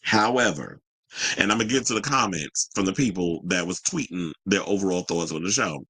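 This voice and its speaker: A man's voice: low voice, normal speed, fairly bright tone, husky, dry recording, rough recording. A man giving casual reaction commentary in a colloquial way, retelling what people said and acting out their quotes. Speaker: commentator recapping a reality show and reading viewer reactions.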